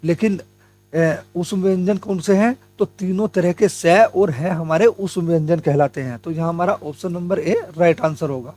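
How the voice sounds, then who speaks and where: A man's voice: on the high side, normal speed, mellow, soft background music. A young man teaching Hindi grammar for an exam, addressing viewers as friends and explaining step by step, asking questions and answering them himself. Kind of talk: exam-prep lesson.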